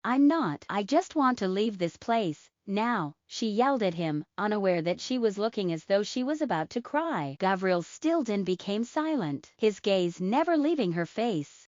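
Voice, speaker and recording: A woman narrating a romance audiobook in an expressive, dramatic way. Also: medium pitch, no echo. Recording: dull lo-fi dry recording.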